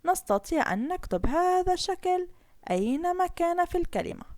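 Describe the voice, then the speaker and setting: A woman teaches small children their letters, sounding out each one slowly and clearly. Her voice sits fairly high and swings widely in pitch. The recording is close and dry. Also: darkish tone, dry recording. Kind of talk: children's Arabic letter lesson.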